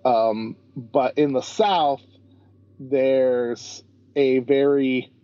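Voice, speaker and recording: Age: adult. Sex: man. Role: podcast co-host. Style: casual, rambling chat. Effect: low quality backup audio stream. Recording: dull and lo-fi. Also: steady tone, drawn-out words, dark tone, no echo. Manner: chatty and rambling, with many fillers.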